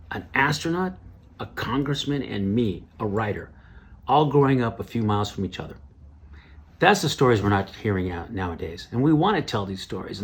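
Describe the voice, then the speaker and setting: A man's voice: medium pitch, gravelly, slightly rough. A middle-aged man hosting an awards ceremony in standup comedy style, punchy and storytelling.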